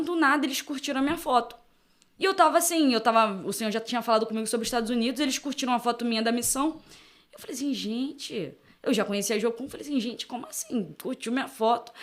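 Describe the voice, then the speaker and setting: A young woman, a missionary guest, telling her testimony in a podcast interview and acting out the dialogue she quotes. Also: on the high side. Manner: animated storytelling, acts out quoted dialogue.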